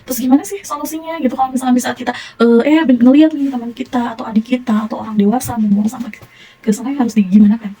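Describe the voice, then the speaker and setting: A woman's voice: on the high side, steady tone, racing, warm tone, husky, poor audio. A young woman with a Sundanese accent teaching a primary school class, encouraging and praising pupils often. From Indonesia. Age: young adult.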